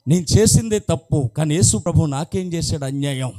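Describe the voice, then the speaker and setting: A man's voice: on the high side, animated, brisk, warm tone. A man preaching a sermon as a pastor, telling a story and acting out its dialogue in rising, emphatic bursts. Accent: Telugu from Andhra Pradesh.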